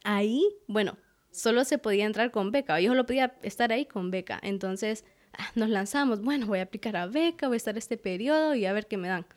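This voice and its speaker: A woman's voice: mid-range voice, fairly quick. A young adult woman, a guest artist, telling her story in a casual interview and acting out her past words. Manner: animated, acts out her own past words.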